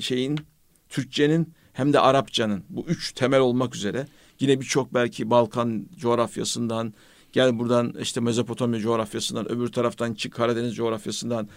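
A man hosting a radio chat talks in a reflective, measured way and sprinkles in religious phrases. His voice sits at an ordinary pitch. The sound is close and dry, with no room around it. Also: no echo. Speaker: radio host.

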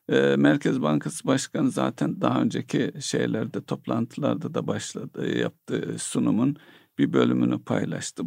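Male economic commentator, heavy vocal fry, lively pitch, halting delivery full of filler sounds. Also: no room sound, clean studio sound. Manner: hesitant, many pauses and filler sounds. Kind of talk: analytical discussion.

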